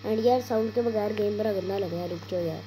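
A woman's voice: mid-range voice, fast talker, rough recording. A woman with a sore throat giving casual, chatty commentary as she plays a game, mixing in English phrases. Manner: chatty, mixes English phrases into her talk. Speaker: gamer. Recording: loud background noise with clicking.

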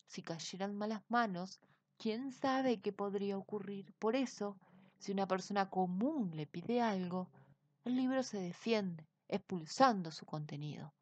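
A woman doing a nervous, gentle wizard. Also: medium pitch, takes it slowly, husky, dry recording, muffled recording. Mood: soothing. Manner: soothing, nervous. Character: anxious, careful man wizard, gentle.

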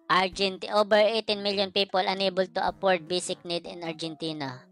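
A woman's voice: mid-range voice, little pitch movement, normal speed, a bit bright. A woman with a Filipino accent streaming a game live, ranting at her teammates and repeating herself. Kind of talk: live gameplay streaming chat. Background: game sounds and music.

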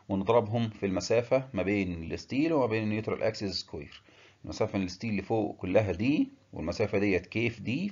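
A man with an Egyptian Arabic accent giving a technical engineering lecture, explaining step by step with filler pauses and English terms. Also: lowish voice, a little mellow, lo-fi sound.

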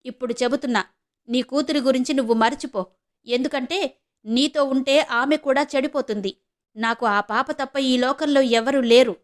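A fierce, protective adoptive mother who scolds hard and indignantly, as a woman reader puts her on. The voice sits fairly high for a woman and comes through a storybook narration. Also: normal speed, natural voice.

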